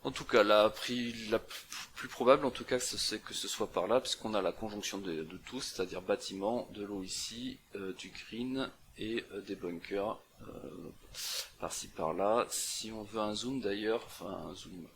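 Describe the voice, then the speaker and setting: A young man talks through a screen puzzle in a casual, halting way, full of fillers and restarts. His voice sits low with a gravelly fry. A faint noise floor hums under the recording. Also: a bit bright. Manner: thinking aloud with many fillers and restarts. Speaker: CTF walkthrough presenter.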